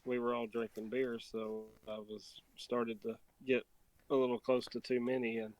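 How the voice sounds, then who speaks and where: A man's voice: medium pitch, flat delivery, moderate pace, darkish tone, poor audio. A man in a casual interview chat, talking in an easygoing, rambling way. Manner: easygoing, rambling, with many restarts and fillers.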